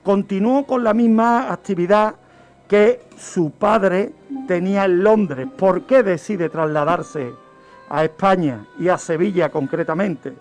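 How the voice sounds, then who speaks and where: A criminologist guesting on a radio show tells the history of crimes in an instructive way, supplying answers to the questions he poses. He speaks slowly in a high, slightly mellow voice, with background music running underneath.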